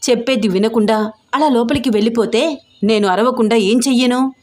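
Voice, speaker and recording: Woman reading a young guy begging his girl to listen, pushy and pleading, higher voice. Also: brisk, a little mellow, close to an everyday voice. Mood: insistent. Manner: pleading, insistent. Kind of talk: audio story character reading.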